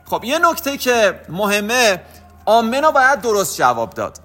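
A man's voice: high voice, huge pitch swings, a bit bright, faint music behind. A man giving a patient religious lesson, explaining rules step by step and repeating key points. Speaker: religious teacher.

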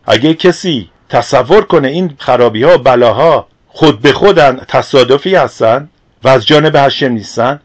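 Earnest man preaching a sermon. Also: on the high side. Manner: earnest, explanatory preaching with rhetorical questions. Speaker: religious teacher. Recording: dull lo-fi recording.

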